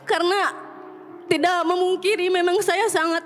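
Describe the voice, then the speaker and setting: A woman's voice: extremely high pitch, steady tone, normal speed. A woman caller tells a painful personal story and earnestly pleads for a preacher's advice. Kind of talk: emotional personal account and question. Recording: music playing under the voice. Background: background music.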